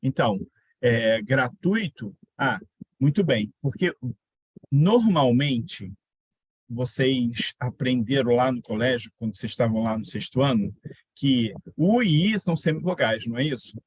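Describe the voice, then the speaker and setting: A man's voice: medium pitch, animated, a little slow, breathy edge, dry recording. A man teaching a grammar lesson, repeating example words and quizzing his students. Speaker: Portuguese teacher. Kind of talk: online exam-prep grammar lesson.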